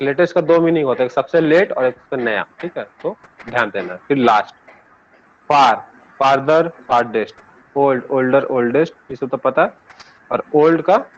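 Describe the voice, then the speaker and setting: A man with an Indian accent teaching an English grammar lesson to students. He explains patiently, switches between languages and asks the class for answers. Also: medium pitch. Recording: dull lo-fi classroom recording.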